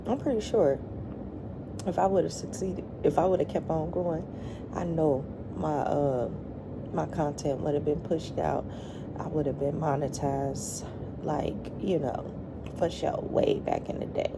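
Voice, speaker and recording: A middle-aged woman vlogger chatting casually to her viewers while eating, in a halting, colloquial way. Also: deep voice, gravelly, noisy background.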